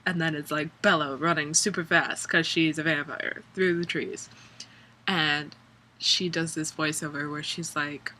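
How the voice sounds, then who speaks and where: A woman's voice: low voice, steady tone, measured pace, sharp tone, slight background noise. A young woman chatting casually in her dorm room, rambling and sarcastic, with many ums and likes. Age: young adult. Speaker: vlogger. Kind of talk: casual vlog chat.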